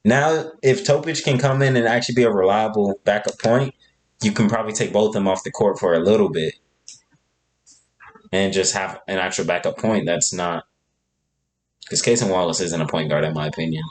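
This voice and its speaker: A man's voice: lowish voice, brisk. A young man co-hosting a podcast, chatting casually and laid-back as he runs through basketball deals from a script. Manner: relaxed, talks through a script of player deals. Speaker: podcast co-host. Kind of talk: casual sports chat.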